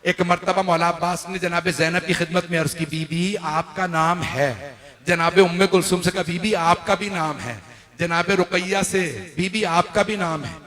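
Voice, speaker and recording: A man from Pakistan delivering a mourning sermon, retelling scenes with voiced quotes, swinging from hushed low tones to loud drawn-out wailing cries. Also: steady tone. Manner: builds to high wailing cries, then drops to hushed quiet; urges the audience to look at him. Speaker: religious scholar preaching a majlis.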